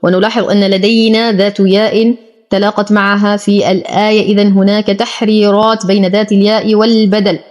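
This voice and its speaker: A woman teaching Quran recitation, chanting words slowly and drawn out, then explaining the pronunciation rules briskly. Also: medium pitch, flat delivery, a little mellow, highs cut off. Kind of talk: tajweed lesson, recitation with rule explanations.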